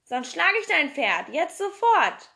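A woman reading a storybook aloud and voicing a rough, bullying male sailor who shouts threats. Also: sits high, very animated, normal speed, full character voice. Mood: angry shouting.

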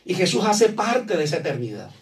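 A man preaches a sermon to his church in a high, ringing voice, pressing his points and acting out the voices of the people he quotes. He sounds set back from the microphone, with some distance in the sound. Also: sing-song, a little fast. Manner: preaches with rising emphasis, acts out quoted voices. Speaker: pastor.

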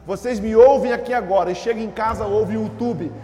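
A Brazilian man preaching a sermon as pastor, breaking into shouted emphasis and swinging between soft and loud. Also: high voice, fast. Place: church hall. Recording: echoey church hall, faint music.

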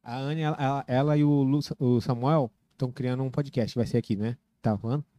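A man's voice: mid-range voice, fairly even intonation, a little fast, warm tone, no room sound. A man with a Brazilian accent hosting a podcast in casual banter, informal and slangy, often repeating his phrases. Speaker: podcast host.

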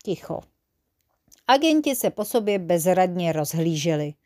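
A woman reading a children's story aloud, lively and playful. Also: lowish voice.

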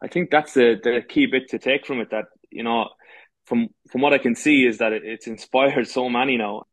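A man's voice: medium pitch, fairly even intonation, normal speed, dry recording. A man in his thirties from the west of Ireland with an Irish accent, chatting casually as an interview guest. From Galway, west of Ireland. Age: 30s. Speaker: podcast guest, amateur goalkeeper.

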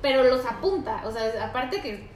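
A woman with a Mexican accent co-hosting a casual chat, animated and mimicking her little daughter. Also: high voice, normal speed. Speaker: podcast co-host. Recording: echoey room with faint noise.

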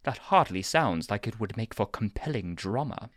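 A woman's voice: a bass voice, animated, moderate pace, dry recording, studio quality. A woman voicing a prim, bookish male angel who talks in a flustered, waspish way.

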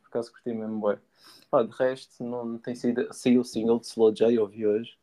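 Fast-talking young man. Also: medium pitch, flat delivery, mellow. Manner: slangy, enthusiastic. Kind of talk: casual chat.

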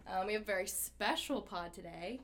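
A woman's voice: mid-range voice, fairly quick, fairly bright tone. This is a young woman co-hosting a student podcast, opening the episode in an upbeat way. A faint hiss runs underneath her voice. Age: young adult. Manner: encouraging, frequent backchannel responses.

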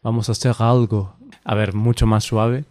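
Male podcast co-host from Spain, lower register, dry booth-like sound, easygoing and chatty. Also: normal speed, no echo. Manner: relaxed, chatty, laughs often, hesitant fillers. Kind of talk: casual conversation.

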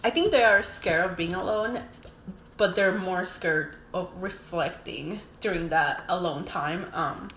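A woman's voice: fairly low pitch, measured pace. A young adult woman from Mexico, a podcast guest talking casually and thoughtfully with many ums. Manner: relaxed, frequent ums, thoughtful. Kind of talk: casual interview chat. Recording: echoey room, faint noise.

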